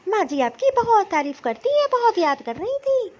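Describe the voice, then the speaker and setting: A woman's voice: very high-pitched, big pitch swings, moderate pace, lo-fi sound, slight background noise. A woman voicing a sweet cartoon daughter-in-law. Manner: sweet, respectful. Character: polite, obliging young daughter-in-law. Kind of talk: Hindi cartoon voice acting.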